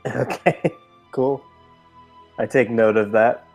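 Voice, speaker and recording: Slow, husky man playing a tabletop game. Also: medium pitch, fairly even intonation, a little mellow, faint music behind. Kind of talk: casual in-game role-play and questions.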